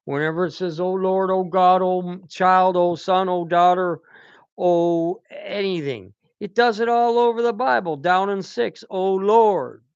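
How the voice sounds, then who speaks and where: Gravelly slow-talking man preaching. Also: high-pitched, dry recording. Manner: rambling, repeated prompts of "hmm?". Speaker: channel host, self-styled teacher. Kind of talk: rambling spiritual monologue. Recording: dull lo-fi dry recording.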